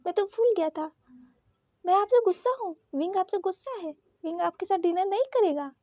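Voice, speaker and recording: A woman's voice: very high-pitched, animated, moderate pace, dark tone, no room sound, studio quality. A woman voicing a sweet, sulky young man who whines and pouts, in a read-aloud fan story. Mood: pouting. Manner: whiny, pouting, sulky. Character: pouting sweet young male omega, childlike.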